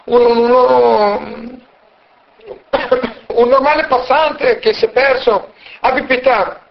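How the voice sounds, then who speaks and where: A man's voice: very high-pitched, steady tone, takes it slowly, vocal fry, highs cut off, pitched above the performer's own voice, heavily acted. A man doing a meek pleading holy man. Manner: humble, pleading.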